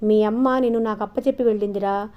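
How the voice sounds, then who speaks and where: A woman's voice: mid-range voice, fairly even intonation, fast talker, muffled recording, close to an everyday voice. A woman storyteller voicing a frail, ailing old village schoolmaster who pleads breathlessly and tearfully for his son, in an audiobook reading. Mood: weeping.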